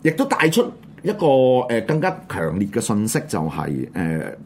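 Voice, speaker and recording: A man with a Hong Kong Cantonese accent, hosting an online radio show and chatting casually about current events in a subdued, halting way. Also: lowish voice, huge pitch swings, a little mellow, slight background noise. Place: studio.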